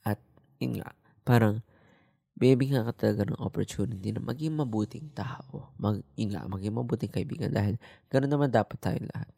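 A young man vlogging in a casual, reflective monologue, talking softly and slowly in a mix of Tagalog and English. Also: gravelly, husky, dry recording, clean studio sound. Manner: soft, low, relaxed talk that mixes Tagalog and English, with frequent "di ba?".

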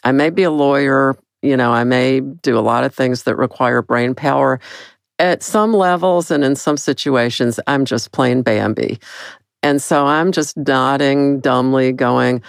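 An older woman telling a personal story in an animated, self-mocking way. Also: measured pace, gravelly, no echo, studio quality. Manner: animated, self-mocking, big swings in pitch.

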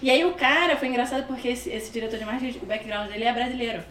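A Brazilian woman in her thirties with a Brazilian Portuguese accent, a podcast guest telling stories in a casual, slangy, animated way and acting out the dialogue. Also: on the high side, very fast, slight background noise. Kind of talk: casual storytelling chat. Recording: roomy, distant mic, faint music.

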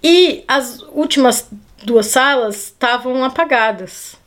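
A woman hosting a podcast, telling a story in animated, casual chat and acting out the dialogue. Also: high voice, slow pace. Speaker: podcast host.

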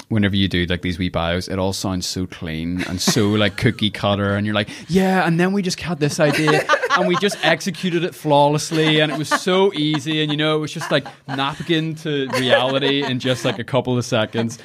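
A man's voice: mid-range voice, a little hiss or hum. A man with a Northern Irish accent hosting a casual interview, chatty and jokey, often laughing. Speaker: podcast host.

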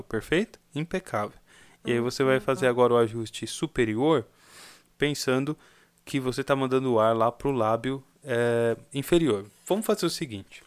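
A young Brazilian man giving a casual singing lesson, explaining and singing short demo phrases. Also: mid-range voice. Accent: Brazilian Portuguese. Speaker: singing teacher.

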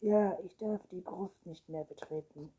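A woman's voice: on the low side, a little slow, mellow, slightly rough, highs cut off. A woman reading a storybook, voicing a friendly, cheeky young boy vampire. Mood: telling.

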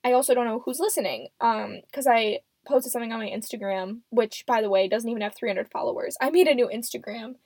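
A woman's voice: on the high side, quick pace, few pauses, a little mellow, no echo. A seventeen-year-old young woman hosting a casual, unscripted solo podcast in a rambling, self-deprecating way, recorded close and muffled in a closet. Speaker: podcast host. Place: small closet at home. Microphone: microphone.

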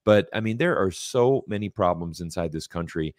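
An American man in his forties speaks in a lowish voice, pressing his points with emphatic repetition and frequent restarts. The recording is close and dry, with no room sound. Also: lively intonation, normal speed, a little mellow, no echo. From United States. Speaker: guest commentator. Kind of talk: casual interview talk.

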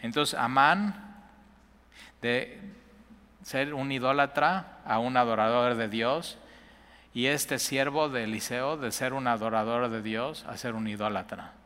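A man preaching a sermon in a lively, conversational way, often acting out the lines he quotes. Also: medium pitch, a little slow. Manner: animated, conversational, acts out quotes, chuckles often. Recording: long hall reverb.

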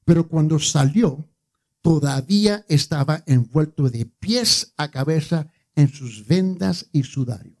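A man's voice: on the high side, a little slow, a little mellow. A male preacher giving a conversational sermon, repeating words for emphasis and joking with his congregation.

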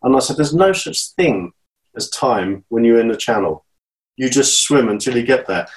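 Earnest and encouraging, a man in his fifties from Great Britain, a channel swimmer, talks casually as an interview guest. He has a medium pitch and lively intonation at a moderate pace, and he often repeats and restarts what he says.

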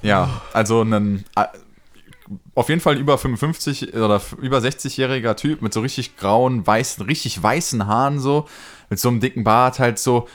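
A young man casually telling a rambling anecdote on a podcast, full of slang and fillers. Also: medium pitch. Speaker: podcast co-host. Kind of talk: casual storytelling.

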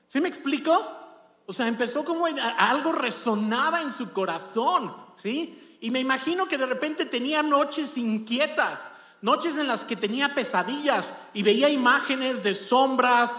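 A male pastor giving a sermon in an animated, conversational way, checking often that the congregation follows. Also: extremely high pitch, normal speed. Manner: animated, conversational storytelling with rhetorical check-ins. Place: church. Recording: echoey church hall.

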